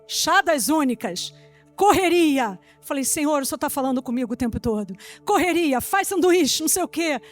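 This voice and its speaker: An older woman with a Brazilian Portuguese accent preaching a sermon in church, telling lively stories and acting out dialogue. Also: extremely high pitch, no room sound.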